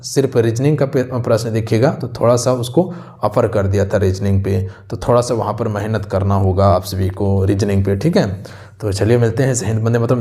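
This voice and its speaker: Low-voiced tutor. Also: male voice, warm tone. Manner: repetitive, addresses viewers as "aap sabhi". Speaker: exam-prep teacher. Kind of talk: walking through an exam paper.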